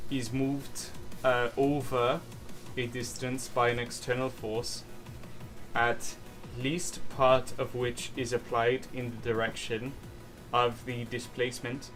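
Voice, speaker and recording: A man puts on a mock German accent for a slow, stumbling read-aloud. The pitch sits mid-range, and the pace drags as he picks through each phrase. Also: fairly bright tone.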